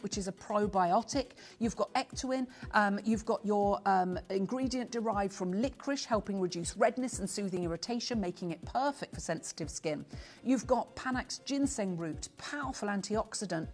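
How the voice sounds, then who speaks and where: A woman's voice: on the high side, darkish tone. A woman in her sixties presenting on a live shopping channel, chatty and urgent as she rattles off buyers' names. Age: 60s. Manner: chatty, rapid roll-call of buyers, upbeat urgency. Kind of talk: live TV sales pitch.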